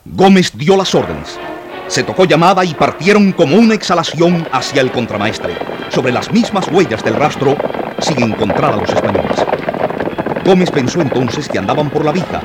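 For a radio drama, a man narrates historical events from a script in a slightly high, very animated voice at normal speed. His solemn delivery rises to heightened intensity in the battle passages, and loud music plays under the narration.

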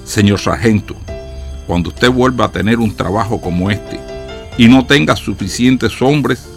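Man playing a quiet, humble old general. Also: lowish voice, measured pace, creaky, soft background music. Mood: gently firm.

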